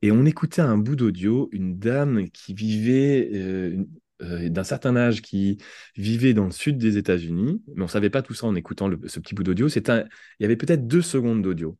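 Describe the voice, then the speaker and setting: A man's voice: fairly low pitch, expressive, normal speed, dark tone, no room sound, studio quality. A French man speaking as a podcast guest, explaining thoughtfully with examples and frequent restarts. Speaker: podcast guest, language entrepreneur. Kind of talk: conversational interview.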